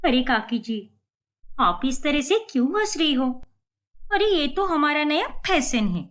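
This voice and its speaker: A woman's voice: sits high, sing-song, measured pace, fairly bright tone, exaggerated voice. A woman voicing a cheeky, scheming young daughter-in-law in a cartoon story.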